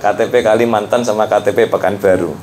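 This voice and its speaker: A man with a Javanese accent giving a sermon on a religious text, talking chattily with the audience and slowly chanting prayers. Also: on the low side, steady tone, very noisy. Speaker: preacher teaching a religious text.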